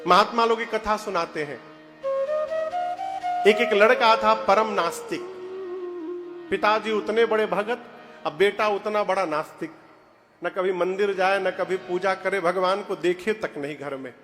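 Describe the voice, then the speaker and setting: A man's voice: high-pitched, unhurried, long pauses. A man gives a devotional discourse at a live temple gathering, questioning his listeners and having them answer back. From Purvanchal, eastern Uttar Pradesh. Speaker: religious storyteller. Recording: loud flute music behind the speech.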